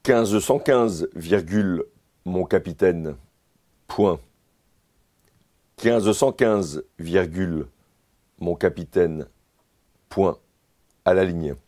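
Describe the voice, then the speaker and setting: A man's voice: low-pitched, very slow, pauses often, warm tone. A man playing a candidate in a comic dictation sketch, answering formally and repeating every phrase with its punctuation.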